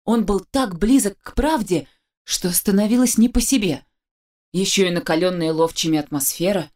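A woman narrating a first-person story as an audiobook reader, with lively storytelling and a dry wit. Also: mid-range voice, normal speed.

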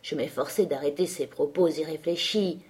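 Woman narrating a novel in measured tones. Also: deep voice, darkish tone, breathy edge. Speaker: audiobook narrator. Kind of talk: scripted narration.

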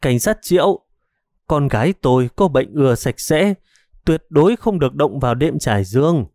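A frightened elderly woman, stammering and hesitant, voiced by a male narrator. Her pitch climbs above his usual register. The recording is dry and close. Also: lively intonation, normal speed, darkish tone, no room sound.

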